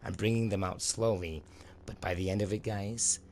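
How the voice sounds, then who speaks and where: A man with a very low, deep voice hosts his channel in a loose, excited way. He talks casually to his viewers and leans on "dude" and "guys" as he goes. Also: normal speed, slight background noise. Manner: enthusiastic, repeats "dude" and "guys". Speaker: channel host. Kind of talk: casual review chat.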